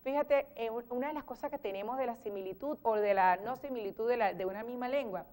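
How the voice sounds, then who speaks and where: A Venezuelan woman teacher with a smooth, resonant voice pitched a little high. She explains grammar patiently on a TV interview, piling up example sentences. Her delivery turns lively whenever she acts out an example. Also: quick pace. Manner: lively, exclaims when acting out examples. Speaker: teacher guest.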